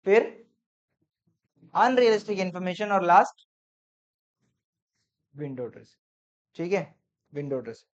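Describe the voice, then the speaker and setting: A man's voice: high-pitched, sing-song, measured pace, pauses often. A man teaches an accounting revision class, counting off points and quizzing his students as he goes. He mixes English terms into his Hindi. The recording sounds dull and lo-fi. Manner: drills points in numbered lists, quizzing students.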